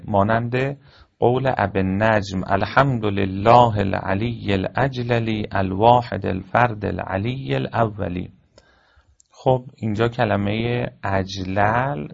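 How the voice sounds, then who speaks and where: A man teaching a formal lecture, explaining point by point in a measured way with frequent pauses. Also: fairly low pitch, creaky. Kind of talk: recorded classroom lecture. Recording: dull lo-fi recording.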